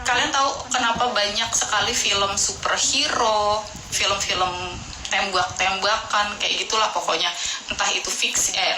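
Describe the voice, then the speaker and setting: A woman in her late thirties giving casual, talkative relationship advice to viewers, full of fillers and restarts. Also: medium pitch. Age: 30s. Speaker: advice vlogger answering viewer questions. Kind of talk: casual chatty advice talk. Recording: echoey room with clear background noise.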